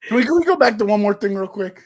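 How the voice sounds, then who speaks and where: A man's voice: sits high, animated, fast. A man co-hosting a casual wrestling talk show, arguing back with slang and cutting in. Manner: argumentative, slangy, interrupts. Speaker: co-host.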